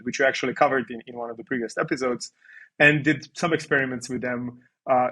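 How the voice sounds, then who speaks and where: A man from Serbia speaks as a podcast guest. His voice is slightly husky and has a middling pitch. He walks through his research path with frequent restarts. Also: sharp tone. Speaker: guest physicist. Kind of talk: conversational podcast interview.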